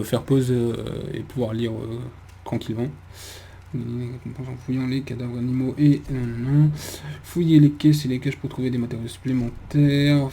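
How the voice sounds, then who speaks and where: A video game let's player with a medium-pitched, dark voice gives casual commentary, thinking aloud hesitantly. Faint background noise can be heard.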